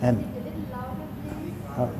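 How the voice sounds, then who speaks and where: A man stretches out his words in a mellow voice as he recounts a personal tale, voicing his dad's lines along the way. He keeps it folksy and unpretentious. There's a lengthy hall echo and a faint hum of ambient noise.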